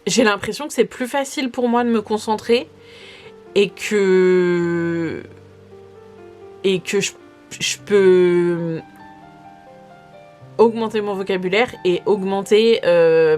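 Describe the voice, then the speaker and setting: A young French woman chatting casually in a vlog, rambling and often correcting herself, with soft music behind. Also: medium pitch, slow pace, pauses often. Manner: rambling, self-correcting, lots of fillers. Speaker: vlogger. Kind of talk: casual chat. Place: home in New York.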